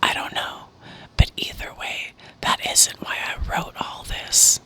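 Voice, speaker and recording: A woman narrating horror stories in a breathy ASMR whisper, reading deliberately with pauses. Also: sharp tone.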